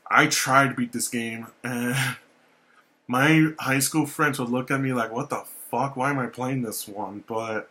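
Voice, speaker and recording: A man's voice: medium pitch, sharp tone, slight background noise. A young man talking casually to camera, rambling and repeating himself, swearing now and then. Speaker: YouTuber showing his game collection. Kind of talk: casual vlog talk.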